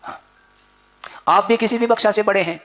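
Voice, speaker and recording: A man's voice: high voice, moderate pace, fairly bright tone. Sage-like male spiritual teacher giving a discourse. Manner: didactic, sage-like, with rhetorical questions and repeated phrases. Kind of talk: spoken spiritual discourse in dialogue with listeners.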